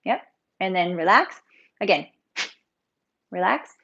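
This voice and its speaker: A woman's voice: on the low side, lively intonation, takes it slowly, creaky, bright, forceful tone. Chatty woman yoga teacher, lo-fi sound. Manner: chatty, informal, laughs often. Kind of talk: live online breathing workshop.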